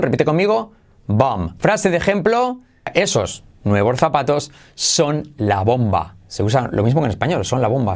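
A man teaching English pronunciation in an online video lesson, upbeat, drawing out the model words slowly. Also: mid-range voice.

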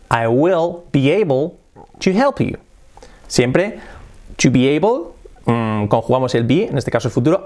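Lively man teaching English. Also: on the high side. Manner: explanatory, repeats examples slowly, lively intonation. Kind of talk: casual video lesson.

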